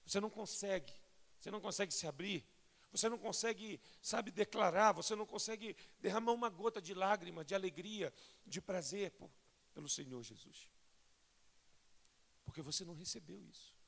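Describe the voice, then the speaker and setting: A Brazilian man preaching a fervent sermon as a pastor, swelling from soft to loud and often calling listeners "querido". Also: high-pitched, a little fast, vocal fry. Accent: Brazilian Portuguese. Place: large church sanctuary. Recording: long hall reverb in church.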